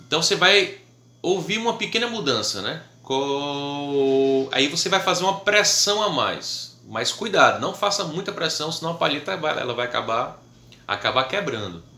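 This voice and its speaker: A man's voice: on the high side, sing-song, brisk, bright, forceful tone, echoey room, faint music behind. A man with a Brazilian Portuguese accent teaching a harmonica lesson in a patient, casual way, often checking in with his students.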